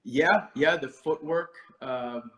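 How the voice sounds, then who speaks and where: A man's voice: a little high, takes it slowly, fairly bright tone, roomy sound, poor audio. A middle-aged man from India, a martial arts instructor, speaking as an interview guest in a thoughtful way, with many fillers and restarts. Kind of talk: reflective conversational interview.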